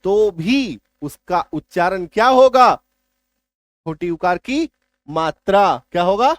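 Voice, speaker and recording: High-voiced man teaching spelling rules. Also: expressive, takes it slowly, no echo. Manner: repeats key points with rhetorical questions. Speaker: English teacher. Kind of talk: spoken spelling lesson.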